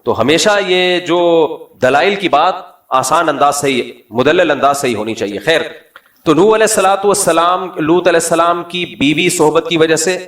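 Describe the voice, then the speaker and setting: A man's voice: a little high, fairly bright tone, recorded from a distance. Male preacher in an echoey hall. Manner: conversational, full of rhetorical questions; light, joking tone. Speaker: Islamic preacher. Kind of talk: lecture to a live audience. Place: lecture hall with an audience.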